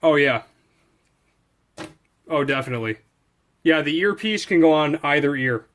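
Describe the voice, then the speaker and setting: He's a product reviewer on his own video channel, with a fairly high, fairly bright voice that's animated and moderately paced. The unboxing chat is casual and unscripted, full of rambling and thinking aloud as he handles things.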